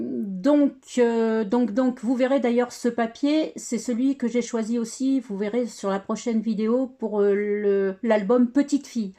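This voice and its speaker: Her voice sits on the high side and sounds mellow. In this laid-back craft tutorial, the scrapbooking crafter walks through her album in a chatty, hesitant way, often using fillers and starting sentences over.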